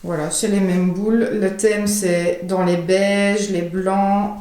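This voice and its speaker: A young woman walks through her home, showing things in a chatty, unscripted way. Her voice sits at an ordinary middle pitch, and she pauses now and then to find a word. The sound carries a roomy echo, as in a bare room at home. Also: flat delivery, warm tone. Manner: chatty, often searching for words while showing things. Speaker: home decor vlogger. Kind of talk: casual house tour. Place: indoors at home, walking room to room.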